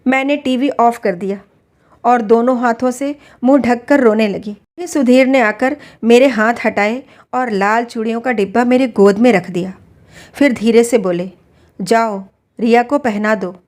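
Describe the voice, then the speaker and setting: A woman narrating a story in an expressive, heartfelt way. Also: fairly high pitch, normal speed.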